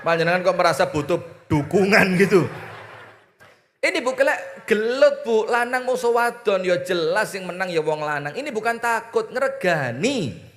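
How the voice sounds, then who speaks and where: East javanese guy preaching, jokey and teasing the crowd, high voice, big echoey hall. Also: expressive, normal speed, fairly bright tone. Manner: playful, teasing the audience, mimics voices in quotes. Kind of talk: humorous sermon to a congregation. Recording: reverberant hall.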